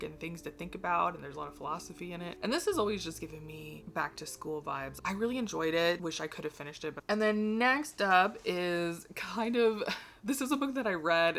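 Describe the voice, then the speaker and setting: A woman book vlogger rambling casually to camera from her home library, chatty and self-deprecating, a little hoarse from losing her voice, with a slight vibrato. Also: sits low, fairly bright tone. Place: home library between bookcases.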